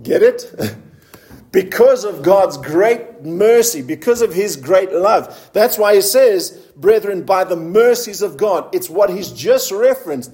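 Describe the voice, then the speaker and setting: High-voiced male preacher. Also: warm tone. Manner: slows down to read scripture in a low, solemn voice; asks the congregation questions and laughs lightly. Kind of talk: sermon.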